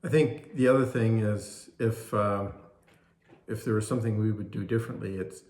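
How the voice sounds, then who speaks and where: A man's voice: fairly low pitch, steady tone, moderate pace, a little mellow. An older man chatting casually, answering in brief, hesitant, agreeable phrases. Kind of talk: casual chat. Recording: roomy, echoey indoor sound.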